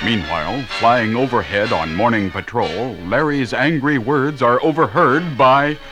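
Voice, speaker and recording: A man's voice: mid-range voice, a little slow. A man announcing and narrating a radio comedy sketch in a dramatic, old-style announcer delivery. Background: organ music.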